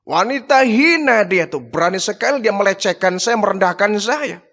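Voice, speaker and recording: A man's voice: high voice, animated, normal speed, a bit bright, exaggerated voice. A man playing a cruel, arrogant male chief who boasts and threatens, within a storytelling sermon. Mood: indignant.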